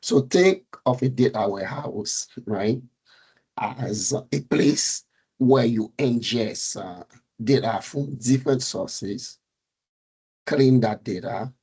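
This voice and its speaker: A middle-aged man from Haiti with a Creole and French accent, giving a technical presentation on a call, halting with many fillers, just getting over a cold. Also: fairly low pitch, a little mellow, breathy edge. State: recovering from a fever and cold. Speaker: meetup speaker, data architect.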